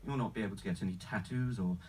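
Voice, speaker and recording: A man acting as an unflappable, courteous travel agent with a faintly sinister sales pitch, in a screenplay table read. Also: racing, a little mellow, husky, distant mic. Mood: calmly assured. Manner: formal, courteous, salesman-like, calls the customer sir.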